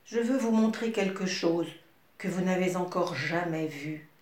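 Woman reader plays a kind young storybook gardener, gentle and slow, echoey room. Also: lowish voice, lightly acted. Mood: eager.

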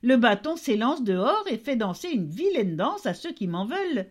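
A woman's voice: fairly high pitch, big pitch swings, normal speed, voice pushed up. A woman doing a proud young traveling craftsman. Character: boastful young male traveling turner.

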